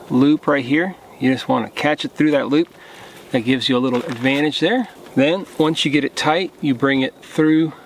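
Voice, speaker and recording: A man in his thirties walks through his camping setup in a relaxed, practical way, explaining each piece as he handles it. He is recorded outdoors in a pine forest on a camera mic, with a faint outdoor hush behind him. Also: mid-range voice, slight background noise. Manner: relaxed, hands-on explaining while demonstrating gear. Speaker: outdoor gear vlogger. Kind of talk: casual gear demonstration.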